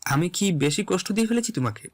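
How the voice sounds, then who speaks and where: A caring young man, played by an actor, whose fairly high voice presses gently and does not back down. It sounds like an audio drama. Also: expressive, quick pace. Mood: tender. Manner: coaxing, insistent, tender. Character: caring young man Redwan, insistent and tender. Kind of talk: Bengali audio drama acting.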